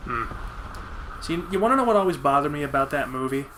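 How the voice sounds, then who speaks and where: A man's voice: on the high side, animated, quick pace, pushed and bright, low-quality recording. A man talking casually as co-host while he plays a video game. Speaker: let's play co-host playing the game. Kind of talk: casual chat while gaming. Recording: faint background noise.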